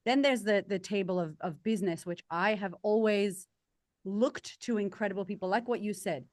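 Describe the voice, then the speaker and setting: A woman's voice: medium pitch, normal speed, darkish tone, dry recording, clean studio sound. A woman with an Australian accent speaking casually as an interview guest, candid, emphatic and informal. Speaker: podcast guest. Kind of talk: casual conversational interview answers.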